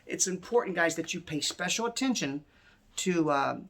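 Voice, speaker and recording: A man's voice: on the high side, lively intonation, normal speed, a bit bright. A man hosting a personal finance channel, talking casually and earnestly straight to his viewers and calling them "guys", a little winded as he speaks. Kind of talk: casual direct-to-viewer talk.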